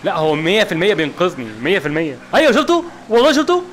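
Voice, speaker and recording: A man's voice: high voice, big pitch swings, very fast, fairly bright tone, a little hiss or hum. A man with an Egyptian accent giving jumpy let's play commentary, asking over and over what is happening. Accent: Egyptian Arabic. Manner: jumpy, keeps asking what is going on, frightened exclamations. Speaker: gaming video host.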